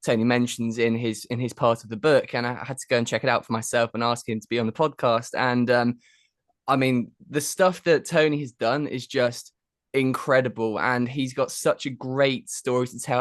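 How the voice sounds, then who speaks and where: A man's voice: mid-range voice, dry recording, clean studio sound. A man hosting a podcast interview, enthusiastic and often repeating his words as he introduces his guest. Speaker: podcast host.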